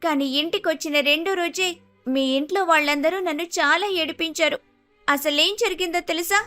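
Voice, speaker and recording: A woman's voice: very high-pitched, fairly quick, sharp tone, faint music behind. A woman voicing a meek young newlywed daughter-in-law in a cartoon story, pleading and apologetic. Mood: hurt pleading.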